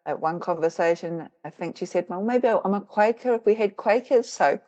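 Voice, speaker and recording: A middle-aged woman from rural New Zealand, with a New Zealand accent, is a guest in a conversational interview. She's a witch and author telling her story reflectively and easygoingly, laughing easily. Her mid-range voice is animated and warm at a normal speed, though the recording's highs are cut off.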